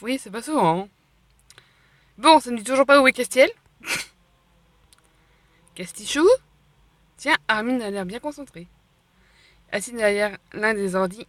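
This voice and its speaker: A woman's voice: mid-range voice, fairly bright tone, no echo. A woman reading a visual novel aloud on stream, chatty and laughing often as she comments between the lines.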